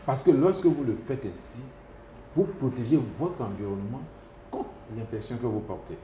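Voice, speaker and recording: An epidemiologist doctor from Côte d'Ivoire answers interview questions hesitantly, full of fillers and restarts. His mid-range voice is expressive and dark-toned, at normal speed, with a little hiss or hum. The room is echoey, with faint ambience.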